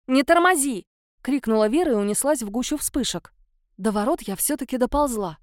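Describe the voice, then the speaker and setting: A woman narrating a first-person fantasy audiobook with a lively, expressive reading. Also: on the high side, brisk, no room sound, studio quality.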